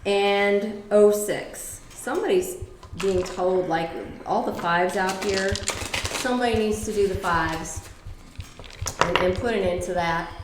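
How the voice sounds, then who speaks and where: A woman's voice: mid-range voice, slow pace, reverberant, background noise. A middle-aged woman giving a casual tarot reading, blunt and profane, with emphatic repetitions. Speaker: tarot reader.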